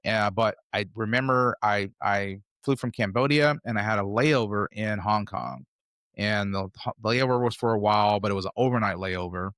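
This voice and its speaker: Low-voiced American man telling travel stories. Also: moderate pace, a bit bright, no echo, studio quality. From United States. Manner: rambling, conversational, loosely strung anecdotes. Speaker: podcast guest. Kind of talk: casual interview storytelling.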